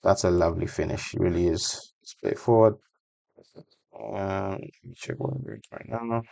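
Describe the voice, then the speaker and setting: Low-pitched guy talking through match footage, super dry audio, keeps repeating himself. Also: moderate pace, gravelly, dark tone, no room sound. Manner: conversational, repeats phrases for emphasis. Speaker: football match analyst. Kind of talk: casual voice-over match breakdown.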